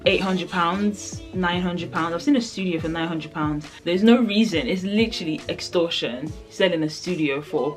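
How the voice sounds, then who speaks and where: Young woman vlogger, deep voice, loose rambling chat, soft music behind. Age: young adult. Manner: rambling, filler-heavy storytelling. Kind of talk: casual chat.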